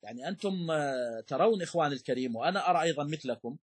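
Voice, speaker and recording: Husky-voiced man teaching a religious lesson. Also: on the high side, lively intonation. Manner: measured, repeats key terms, restarts with fillers. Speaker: sheikh teaching Shafi'i jurisprudence. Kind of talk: religious lesson, explanatory lecture.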